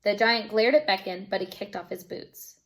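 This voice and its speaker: Here a female teacher narrates a picture book for children with lots of expression, her mid-range voice moving at a moderate pace.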